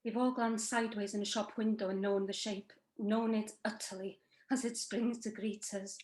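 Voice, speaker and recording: A woman's voice: medium pitch, fairly even intonation, moderate pace, a little mellow, close to an everyday voice. A woman playing a weary, plaintive wife trapped in her role, in a dramatic play reading with an echoing sound. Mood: solemn. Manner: plaintive, sighing.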